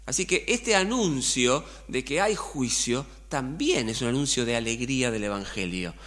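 A man's voice: mid-range voice, fairly bright tone. A middle-aged man with an Argentine accent preaching a sermon as pastor, colloquial and full of rhetorical questions. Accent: Argentine Spanish.

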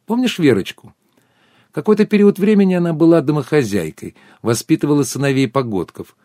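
A man playing a teasing, sharp-witted woman. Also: on the high side, a little fast, no echo, clean studio sound, pitched above the performer's own voice, natural voice. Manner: teasing, animated.

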